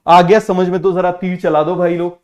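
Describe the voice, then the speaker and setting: A male teacher giving an online biology lesson in Hindi-English mix, repeating key terms and urging students to answer quickly. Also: high-pitched, level tone, a little mellow. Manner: repetitive, keeps asking students to answer quickly; drills terms by repeating them slowly.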